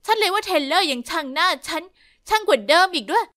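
A woman's voice: very high voice, lively intonation, fast talker, a bit bright. A young woman telling a first-person story as narrator, now and then acting out her family's lines. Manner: acts out family members' lines.

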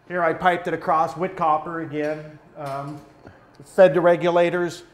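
A man in his fifties giving a relaxed, practical walkthrough of his brewery's plumbing, pointing out pipes as he goes. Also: fairly high pitch. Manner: relaxed, practical, pointing things out while talking. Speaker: brewery owner. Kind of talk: casual equipment walkthrough. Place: brewery floor among steel tanks, indoors. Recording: echoey brewery room with faint hum.

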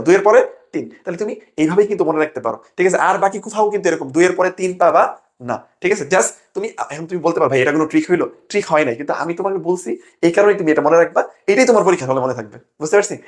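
Young guy tutoring, talks super fast, high voice, keeps asking if u got it. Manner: rapid, emphatic, keeps asking "ঠিক আছে?". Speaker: admission test tutor. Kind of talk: fast exam-prep lesson.

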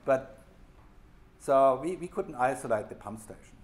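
A man with a German accent, speaking a little slowly in a mid-range voice with lively intonation, gives an unscripted update as program leader in a workshop room. He restarts phrases and keeps his wording plain and informal. Slight background noise is present.

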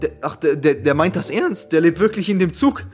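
A man's voice: a little high, sing-song, brisk. A young man giving casual, slangy reaction commentary in an incredulous, exclamatory, jokey way. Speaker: reaction video host. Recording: music playing behind the voice. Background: music.

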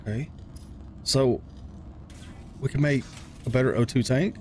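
Male streamer for casual let's-play: mid-pitched, relaxed self-talk, light game noise underneath. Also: unhurried. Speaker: gaming streamer. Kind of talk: casual let's-play commentary, thinking aloud. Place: small room at home. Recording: faint game noise behind.

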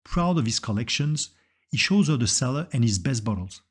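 A man's voice: mid-range voice, lively intonation, moderate pace, husky. A man giving a scripted narration, telling a story with dramatic, suspense-building delivery.

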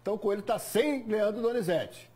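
A man's voice: high voice, fairly quick, mellow, slightly rough. A man with a Brazilian accent hosting a studio sports chat show, joking and teasing his guests. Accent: Brazilian Portuguese.

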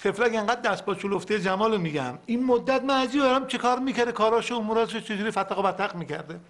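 A man's voice: high-pitched, animated, a bit bright. An actor in a TV drama playing a friendly man who jokes about a clumsy acquaintance. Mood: amused.

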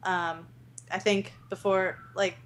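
A woman's voice: medium pitch, level tone, slow, slight background noise. A woman co-hosting a podcast in casual tech chat, talking chattily with frequent ums and giggles. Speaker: podcast co-host.

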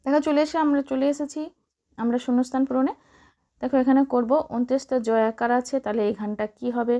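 Woman spelling slowly for children. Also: high voice, fairly even intonation, dark tone, highs cut off. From Bengal. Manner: slow, drawn-out letter-by-letter spelling with encouraging asides. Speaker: teacher.

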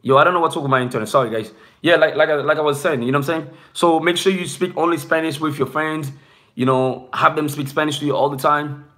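Streaming live from a small room, a young non-native English speaker rambles to his viewers in a loose, casual way, dropping "bro" and "you know what I'm saying" constantly. His voice sits on the high side and is a bit bright, with fairly even intonation and a fast delivery.

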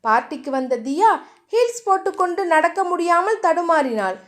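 A woman narrating a romance novel chapter in a steady storytelling manner. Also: very high voice, moderate pace. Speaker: audiobook narrator.

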